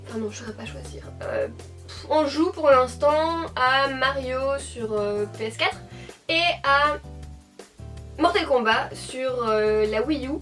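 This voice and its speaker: Belgian woman, mid-20s, high voice, casual rambling YouTube chat, slightly off-mic with light music under. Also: slow, a bit bright, distant mic. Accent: Belgian French, Hainaut. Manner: chatty and rambling, with frequent fillers and self-corrections. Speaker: beauty YouTuber answering a tag. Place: at home, indoors.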